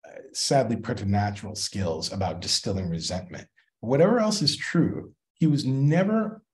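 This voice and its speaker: A man's voice: on the low side, sing-song, moderate pace. A man in an academic interview, reflective and emphatic, often checking in with "right?". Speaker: guest scholar in conversation.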